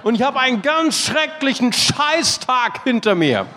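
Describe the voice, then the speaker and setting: A man's voice: sits high, a little fast, long reverb tail, a little hiss or hum. A man voicing a grumpy, crude homeless man who curses and grumbles, told inside a sermon. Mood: complaining. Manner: gruff, cursing.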